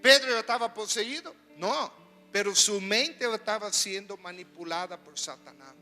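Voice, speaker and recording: A man preaching a sermon as pastor, animated and full of rhetorical questions, in a church hall. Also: high voice, normal speed. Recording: reverberant hall with soft music.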